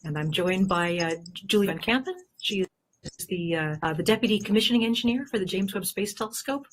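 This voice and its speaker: A woman with a medium-pitched voice hosts a live broadcast. She gives commentary on the event and puts questions to her guest. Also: fairly quick, slight background noise, low-quality recording. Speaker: live broadcast host and interviewer.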